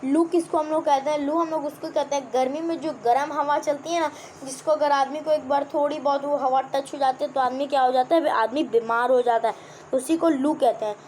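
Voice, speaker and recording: A woman's voice: high-pitched, fairly even intonation, a little fast, darkish tone, slight background noise. A young woman teacher explaining a children's textbook chapter, repeating words and asking the class questions.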